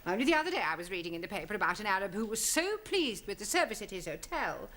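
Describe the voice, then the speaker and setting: A woman's voice: mid-range voice, big pitch swings, quick pace, fairly bright tone. An actress playing a prim, formal and bossy woman school head in a 1970s sitcom. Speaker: school principal. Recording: faintly hissy old TV broadcast.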